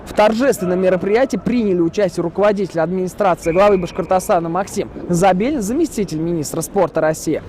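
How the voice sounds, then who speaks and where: Male hockey commentator, high voice, excitable play-by-play delivery, recorded over clear venue noise. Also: quick pace, hardly any pauses. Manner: excited, rising exclamations on chances and saves. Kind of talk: live ice hockey commentary.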